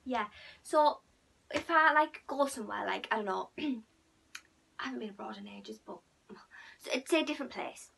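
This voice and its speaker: A woman's voice: on the high side, expressive, moderate pace, gravelly, pauses often, a bit bright, husky. A young woman with a Teesside accent, vlogging in casual, chatty talk that is full of "like" and "you know what I mean". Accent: Teesside (Middlesbrough). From Middlesbrough, England. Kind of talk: casual chat to camera.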